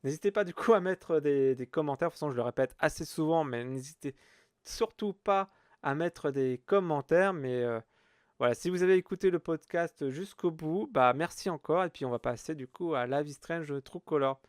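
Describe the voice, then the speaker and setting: A man's voice: on the high side, normal speed, no echo, studio quality. A man hosting a casual solo podcast, rambling with lots of hesitations. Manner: rambling, many hesitations and fillers. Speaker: podcast host.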